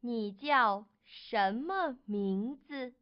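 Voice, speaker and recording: A woman reading a part in a slow textbook dialogue, articulating each word carefully. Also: a little high, lively intonation, clear, resonant tone. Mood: plain. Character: adult woman named Susan. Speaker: dialogue reader. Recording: dull lo-fi recording.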